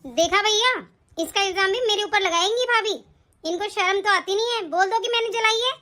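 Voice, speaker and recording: A woman doing Meenakshi, a sneering shrill scheming sister. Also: brisk, bright, forceful tone. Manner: sneering, taunting, bossy. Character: scheming spiteful young woman, sister of the house. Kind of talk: cartoon voice acting.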